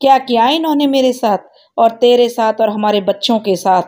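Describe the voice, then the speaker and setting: Read-aloud story: woman voicing a furious young husband, loud and accusing. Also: on the high side, natural voice. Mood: angry. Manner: shouting, accusing, fast bursts. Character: furious grieving young husband, son confronting mother.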